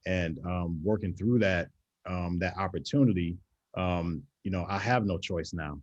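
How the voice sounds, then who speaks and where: Man, agency founder, earnest, hesitant, lowish voice, lo-fi recording. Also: darkish tone, dry recording. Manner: earnest, halting with many fillers. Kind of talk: panel discussion.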